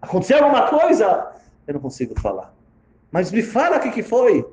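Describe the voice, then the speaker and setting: A man voicing a grieving older father who speaks softly and chokes on his words. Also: high-pitched, wildly swooping pitch, fairly quick, roomy sound, voice pushed up. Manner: soft, choked, sorrowful.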